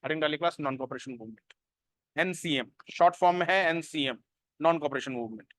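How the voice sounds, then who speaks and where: A man teaching a coaching class, mixing Hindi with Indian-accented English and slowly repeating notes for dictation. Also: a little high, a bit bright, dry recording, clean studio sound. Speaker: history teacher for civil service exam coaching.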